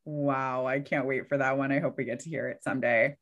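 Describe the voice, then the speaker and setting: A woman's voice: a bass voice, steady tone, a little fast, highs cut off. A woman co-hosting a podcast in casual chat, reacting with exclamations and laughter. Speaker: podcast co-host.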